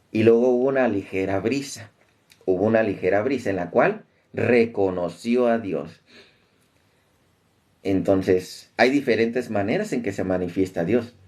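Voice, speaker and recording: A man's voice: on the low side, a little mellow. A man giving an informal Bible teaching talk, thinking aloud with fillers and restarts and speaking straight to his listeners. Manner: addresses listeners directly.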